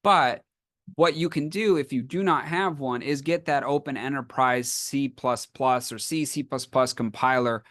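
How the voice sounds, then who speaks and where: A man's voice: medium pitch, measured pace, fairly bright tone, no echo, clean studio sound. A man giving an enthusiastic webinar talk on a video call, saying he is losing his voice. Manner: enthusiastic, explanatory. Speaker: conference speaker. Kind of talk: webinar presentation.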